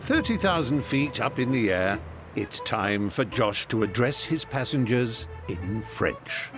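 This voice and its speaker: A man's voice: mid-range voice, expressive, measured pace. A man narrating a television documentary from a script in a playful, wry way. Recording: voice-over on music bed.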